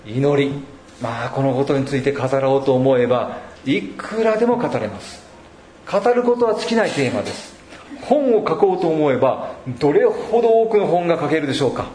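A man preaching a sermon as pastor, measured and reflective, pausing often between thoughts. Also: on the high side, darkish tone, a little hiss or hum. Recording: echoey room.

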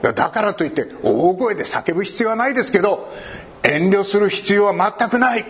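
Animated Japanese preacher man. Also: sits high, a little fast, a little hiss or hum. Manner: animated, jokes and acts out little dialogues. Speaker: pastor. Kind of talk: sermon.

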